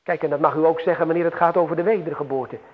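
A man preaching a sermon slowly and solemnly, with emphatic swells and long pauses. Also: on the high side, fairly even intonation. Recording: tinny phone-like radio broadcast with long hall reverb.

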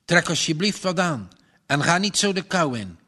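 A man's voice: a little high, lively intonation, a little slow, sharp tone, voice pushed up, full character voice. A man playing a troubled old farmer. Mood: urgent. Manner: earnest, trembling. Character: big older farmer, gruff and troubled.

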